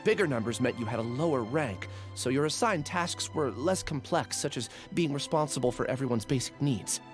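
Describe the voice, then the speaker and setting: A man's voice: medium pitch, lively intonation, normal speed, soft background music, lightly acted. An actor playing an earnest, troubled man who was a test subject, in a video game. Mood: earnest, explanatory. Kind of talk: video game dialogue acting.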